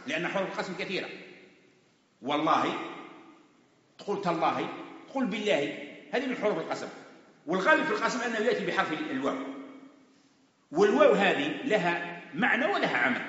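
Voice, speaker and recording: A man's voice: sits high, bright, forceful tone. A man gives a Quran commentary lesson, patiently explaining and repeating points with everyday examples. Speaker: religious teacher. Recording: echoey hall, dull lo-fi sound.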